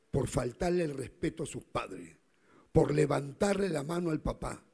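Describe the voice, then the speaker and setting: A middle-aged male pastor preaching a sermon, swinging from fervent shouts to hushed storytelling. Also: a little high, vocal fry, husky. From South America.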